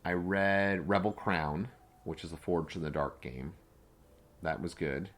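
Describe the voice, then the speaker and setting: A man's voice: low voice, measured pace, a bit bright. A man co-hosting a podcast in a casual, rambling chat, full of fillers and restarts. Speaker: podcast co-host and game master.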